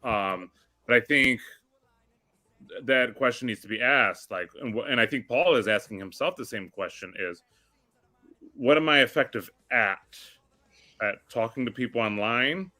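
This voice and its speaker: A man with a bright, sharp tone talks over a casual group chat. He muses reflectively and keeps turning things into probing questions. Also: mid-range voice, normal speed, pauses often.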